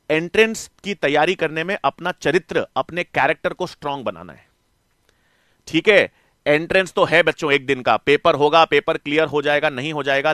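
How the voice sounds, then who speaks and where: Middle-aged guy teaching biology online, high bright voice, dry sound, keeps asking the kids stuff and answering himself. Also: no echo. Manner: coaxing, calls students "beta" and "bachche"; asks questions and answers them himself. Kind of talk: online class lecture.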